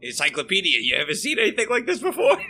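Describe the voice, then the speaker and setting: An eager, wisecracking novice male adventurer in a tabletop game, acted by a man. The voice is high and very animated, over faint noise. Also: fast, full character voice. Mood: urgent.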